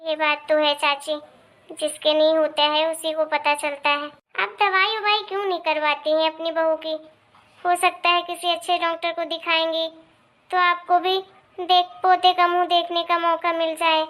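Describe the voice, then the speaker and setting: A woman's voice: extremely high pitch, level tone, moderate pace, a bit bright. A woman voicing a meddling young married neighbor who gossips and gives pushy advice. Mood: boastful.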